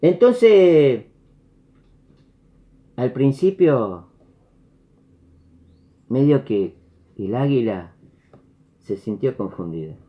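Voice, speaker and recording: A man with a Rioplatense Spanish accent, preaching and telling a parable while acting out the characters' lines. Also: medium pitch. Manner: animated storyteller, acts out characters' lines. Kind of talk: sermon parable storytelling. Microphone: video call. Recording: dull lo-fi video call audio.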